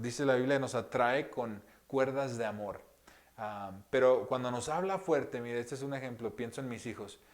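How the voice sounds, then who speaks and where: A man giving a conversational sermon as pastor, speaking gently with many pauses, fillers and rhetorical questions, often dropping to a hushed voice. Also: mid-range voice. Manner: drops to a hushed soft voice often. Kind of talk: sermon teaching.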